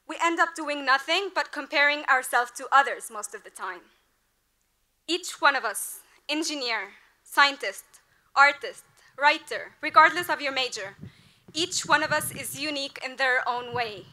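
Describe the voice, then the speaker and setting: Bright-voiced young woman giving a commencement speech. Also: sits high, moderate pace. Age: 20s. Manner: earnest, rhetorical, building to emphatic peaks. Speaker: graduating class representative. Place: large outdoor ceremony at a podium. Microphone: podium mic.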